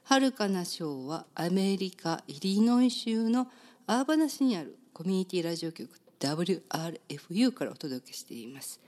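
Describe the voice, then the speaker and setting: A woman with a Kansai accent hosting a community radio talk show in a studio, chatty and quick to laugh, her voice slightly hoarse. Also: lowish voice, very animated, darkish tone. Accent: Kansai Japanese. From Kansai, Japan. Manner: chatty, laughs often, many fillers.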